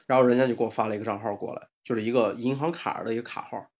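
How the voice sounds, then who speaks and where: A man's voice: mid-range voice, fairly even intonation, racing. Man casually telling a story, dull recording. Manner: retells dialogue with frequent fillers and restarts. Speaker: panel guest telling a personal story.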